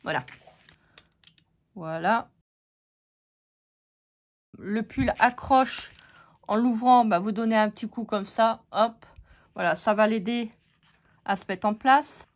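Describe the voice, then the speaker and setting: Slow-talking, joking woman crafter. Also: fairly high pitch. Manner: joking, playful, teasing the viewers. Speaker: card-making tutorial host. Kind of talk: casual crafting tutorial.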